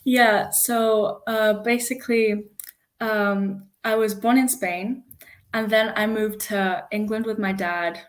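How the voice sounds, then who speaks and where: A woman's voice: medium pitch, fairly even intonation, slow. A young woman, a singer-songwriter, answering interview questions in a modest, easygoing way. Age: young adult. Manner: modest, easygoing, laughs lightly.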